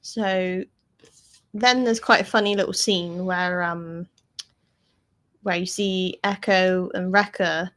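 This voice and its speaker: A woman's voice: on the low side, steady tone, takes it slowly, pauses often, fairly bright tone. A woman co-hosting a fan podcast, casually recapping an episode with lots of "like" fillers. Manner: chatty, many "like" fillers and quoted lines. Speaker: podcast co-host.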